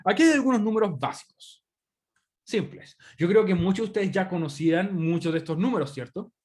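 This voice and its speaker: Guy teaching english over a video call, chatty, keeps asking the class questions, kinda high voice. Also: lively intonation, a little fast, a little mellow. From Chile. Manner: chatty, asks students questions often. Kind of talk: online class explanation. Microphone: computer microphone on a video call.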